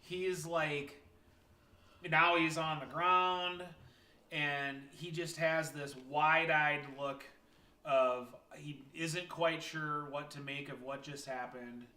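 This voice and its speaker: Male game master narrating a tabletop session, slightly high voice, drawn-out and halting, roomy echo. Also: steady tone, sharp tone. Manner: slow, hesitant narration with many fillers. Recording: echoey room, faint noise.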